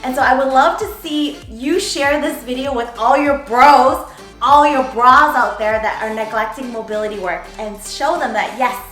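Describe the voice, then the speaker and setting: A woman's voice: high-pitched, normal speed, fairly bright tone. A woman coaching a workout in a casual demonstration, playfully talking in hyped gym-bro slang. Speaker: fitness coach and presenter. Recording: very echoey room, background music. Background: music.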